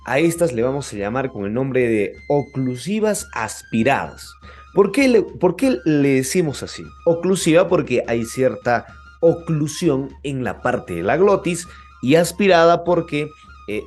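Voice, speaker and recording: A man teaching a pronunciation lesson, repeating each example word slowly and clearly. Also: mid-range voice, a little mellow. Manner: slow, drawn-out repetition of example words. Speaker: language teacher.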